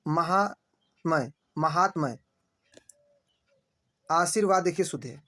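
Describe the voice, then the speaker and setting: A male teacher running an exam-prep lesson, repeating each answer and asking quick rhetorical checks. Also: fairly high pitch, sharp tone. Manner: points at screen, says "dekhiye".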